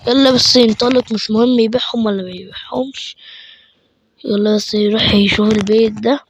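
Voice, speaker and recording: A man with an Egyptian Arabic accent giving chatty let's play commentary, excitable and quick to burst into panicked repeated shouts. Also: very high voice. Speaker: gaming channel host.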